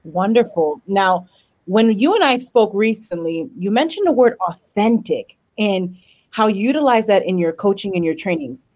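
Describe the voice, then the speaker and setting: A woman's voice: mid-range voice, animated, normal speed, a little mellow. A woman hosting an interview, reading a formal introduction and asking questions in polished phrasing. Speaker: interview host.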